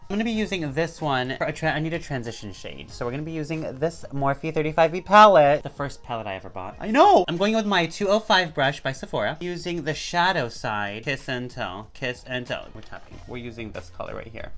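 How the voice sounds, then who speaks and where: A man chatting through a beginner makeup tutorial, self-mocking and swinging between loud and soft. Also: lively intonation, a little fast, hardly any pauses, faint music behind. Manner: chatty and self-mocking, with big jumps in pitch and loudness. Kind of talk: casual makeup tutorial chat.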